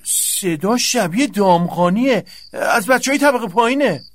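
A man's voice: high-pitched, dry recording. An actor playing a jittery, easily panicked young male student who stammers when scared. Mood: nervous. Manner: stammering, excitable.

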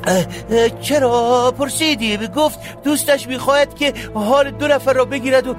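A man's voice: very high voice, no echo, faint music behind, voice pushed up. A man doing a frightened, whining restaurant worker. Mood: nervous. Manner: whining, nervous, stammering. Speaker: narrator doing a character. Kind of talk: audiobook storytelling.

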